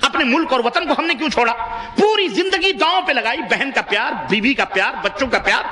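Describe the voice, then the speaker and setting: High-pitched fiery preacher, echoey. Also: male voice, expressive, bright, forceful tone. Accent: Pakistani Urdu. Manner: exhorting, rhetorical questions to the congregation; soars to high emphatic peaks. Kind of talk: impassioned sermon.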